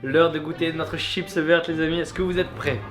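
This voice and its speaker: A man chatting casually to camera in a cooking vlog, excitable and playful, often repeating words in a slangy, mock-boastful way. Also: fairly high pitch, moderate pace, music in the background. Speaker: vlog host and amateur cook.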